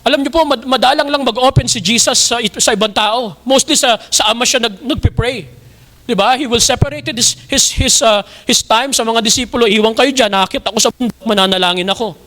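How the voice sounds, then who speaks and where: A man's voice: very high-pitched, fairly quick, bright, forceful tone. A young adult male pastor with a Filipino accent, preaching a sermon in rising, emphatic bursts.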